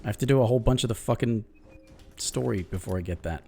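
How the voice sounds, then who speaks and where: A man's voice: on the low side, quick pace, gravelly, a little mellow, slight background noise. A man streaming a video game, swearing and ranting in frustration at bugs. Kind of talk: casual gameplay commentary.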